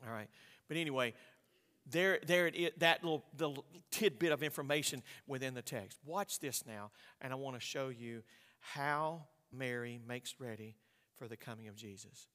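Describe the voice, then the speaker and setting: A man's voice: medium pitch, moderate pace, a bit bright, in a large hall. A male pastor preaching a sermon, emphatic, repeating his words and asking his congregation rhetorical questions.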